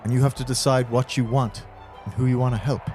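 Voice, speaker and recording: A man's voice: medium pitch, fairly even intonation, fast, a little mellow. Man pressing questions at a tabletop game. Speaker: player. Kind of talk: in-character tabletop play. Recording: music playing behind the voice.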